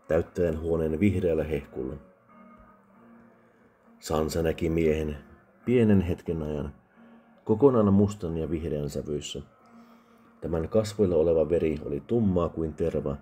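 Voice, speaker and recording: A man reading a fantasy audiobook in a calm, soft ASMR narration style. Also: deep voice, husky. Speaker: audiobook reader.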